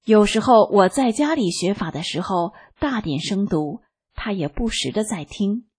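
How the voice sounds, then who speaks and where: A woman reading a first-person testimony aloud as scripted narration, in a slow, calm and even manner. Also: medium pitch, breathy edge. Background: faint background music.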